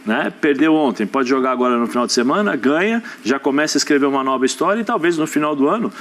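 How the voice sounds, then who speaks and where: A man with a Brazilian accent giving studio football analysis, deliberate and restarting phrases as he reasons aloud. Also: mid-range voice, lively intonation, fairly bright tone. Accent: Brazilian Portuguese. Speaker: sports TV commentator.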